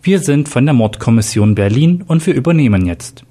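A man's voice: medium pitch, lively intonation, fairly quick, warm tone, close to an everyday voice. A man voicing a cool, authoritative male homicide inspector in a read-aloud crime story, formal and self-assured.

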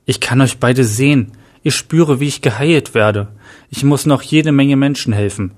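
A man voices a disfigured, half-faced man who begins slow and low as an eerie stranger, then turns into a warm, earnest friend. The performance is lightly acted.

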